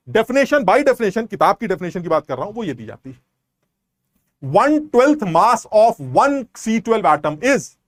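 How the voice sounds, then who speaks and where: A man's voice: on the high side, no echo. A man teaching a chemistry lesson online, explaining step by step and quizzing students with rhetorical questions. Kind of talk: online class lecture.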